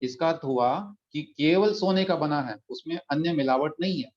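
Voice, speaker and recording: A man teaching a religious text in an online class, patiently explaining pronunciation and slowly chanting verses. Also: on the high side, a little mellow. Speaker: scripture teacher. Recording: dull lo-fi audio.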